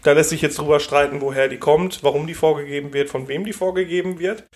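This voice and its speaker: Wry German man, fairly high voice. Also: fairly even intonation, fast talker. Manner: wry, pushes back. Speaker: podcast co-host. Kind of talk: casual chat.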